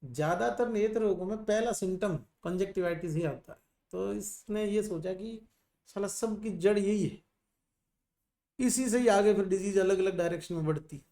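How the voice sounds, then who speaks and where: A man's voice: high-pitched, normal speed, mellow. A middle-aged male teacher lecturing a class on ayurveda, teasing and scolding students while mixing in English terms.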